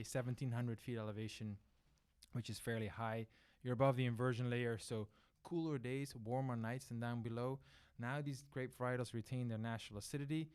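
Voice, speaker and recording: A middle-aged Dutch speaker from the southern Netherlands appears as a guest in a conversational interview, speaking English as the managing director of a winery. He explains at length, with fillers and restarts. His voice is mid-range, a little mellow and clean in tone.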